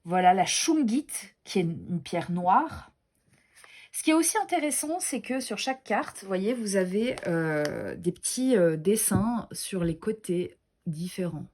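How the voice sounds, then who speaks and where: A woman's voice: mid-range voice, expressive, a little slow, darkish tone. Chatty woman gushing over card decks. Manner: chatty, gushing, self-deprecating, many fillers and restarts. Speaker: tarot and oracle deck reviewer. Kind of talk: casual show-and-tell chat.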